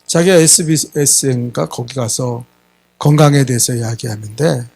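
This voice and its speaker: A man's voice: mid-range voice, moderate pace, vocal fry, a little mellow. A middle-aged man preaching a Sunday sermon, emphatic, often prodding the congregation with a questioning "eh?" and acting out quoted voices. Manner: emphatic, keeps asking the congregation "예?"; acts out quoted voices in dialogue. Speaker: pastor.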